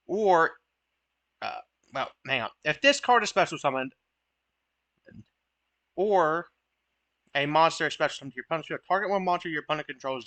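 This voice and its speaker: A man's voice: on the high side, bright, forceful tone, dry recording. A young man giving casual, chatty commentary over his own card game matches, joking at his own misplays. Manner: chatty, self-deprecating, occasional swearing.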